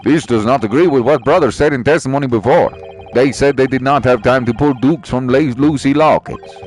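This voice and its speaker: A man's voice: medium pitch, brisk, a little mellow, voice pushed up, close to an everyday voice, poor audio. Man playing stilted foreign tourist with phrasebook. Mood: puzzled, literal. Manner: tourist with phrasebook, stilted literal English, dropped articles. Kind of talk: video game dialogue read aloud.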